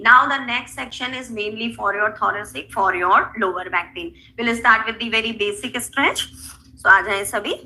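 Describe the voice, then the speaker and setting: A woman with a North Indian accent leads a yoga lesson in a strikingly bright, sharp-edged voice pitched on the high side. A native Hindi speaker, she talks as an instructor, stretching out cues and counts between explanations. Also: poor audio. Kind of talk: instructional yoga class, guiding movements and breathing.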